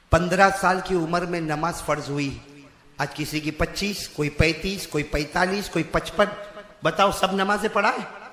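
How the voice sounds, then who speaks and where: A man preaching a fiery religious sermon, swinging from shouts to hushed storytelling and calling on the crowd to answer back. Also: fairly high pitch. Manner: swings between shouting and hushed storytelling, calls for audience response. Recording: roomy hall reverb from a PA.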